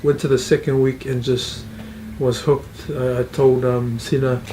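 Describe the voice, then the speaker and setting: In a testimonial interview, a Tongan-born man who grew up in New Zealand shares his experience with sincerity, frequently restarting and repeating himself. He's middle-aged, with a mid-range, level voice that moves a bit slowly over background noise.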